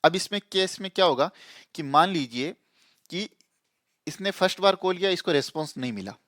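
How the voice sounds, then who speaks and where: A man teaches a coding lesson in a relaxed, conversational way. His voice sits a little high and the recording is dry and close. He repeats key ideas and often asks if the listener understands. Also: fairly quick, no room sound. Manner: explains with repetition and frequent checks on the listener. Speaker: programming tutor. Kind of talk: casual explanatory lesson.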